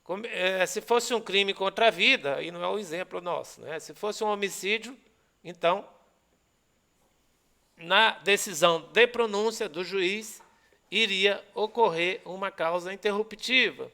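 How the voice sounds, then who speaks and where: A man's voice: high voice, a little slow, vocal fry, sharp tone. A man with a Brazilian accent giving a recorded law lecture, explaining step by step and checking in with students often. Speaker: law teacher.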